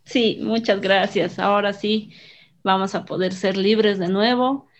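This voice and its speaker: Dull, lo-fi audio of a woman with a Bolivian accent and a medium-pitched voice. She speaks conversationally, as an interviewee. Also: steady tone, unhurried. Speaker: interviewee, grassroots party supporter.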